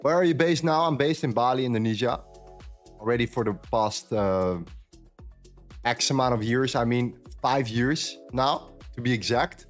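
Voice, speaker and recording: A man's voice: medium pitch, moderate pace, soft background music. A man from the Netherlands, chatting candidly on a trading live stream and repeating phrases for emphasis. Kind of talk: casual chat on a live stream.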